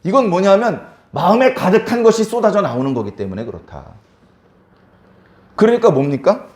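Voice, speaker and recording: A man's voice: high voice, big pitch swings, moderate pace, a little mellow, roomy sound. A male pastor preaching a sermon, repeating key words for emphasis and putting questions to the congregation.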